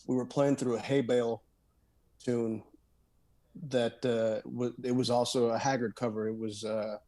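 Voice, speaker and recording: A man's voice: mid-range voice, level tone, measured pace, warm tone. Rambling, laid-back man talking shop. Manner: rambling, many fillers and restarts, says "dude". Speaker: guest guitarist and songwriter. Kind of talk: casual podcast conversation.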